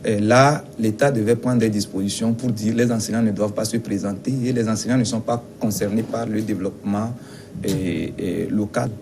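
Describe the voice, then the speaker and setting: A man from Togo representing a teachers' union, answering interview questions in a measured, insistent way with some hesitations. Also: fairly low pitch, steady tone, noisy background.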